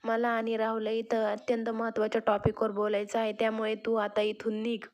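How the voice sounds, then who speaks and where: A woman's voice: on the high side, completely flat delivery, a little fast, a little mellow, close to an everyday voice. A woman reading the lines of an angry young wife who confronts her husband, defiant and accusing.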